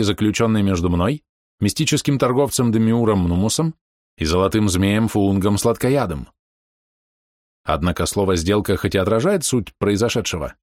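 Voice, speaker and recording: A man narrating a fantasy audiobook in the first person, measured and descriptive. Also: on the low side, a little mellow, no echo, clean studio sound.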